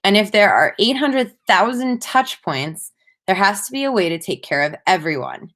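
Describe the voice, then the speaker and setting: A woman speaks as a conference presenter, giving a prepared marketing talk that sounds measured and scripted, with emphatic phrasing. Her voice sits mid-range, with a sing-song lilt and a fairly bright tone.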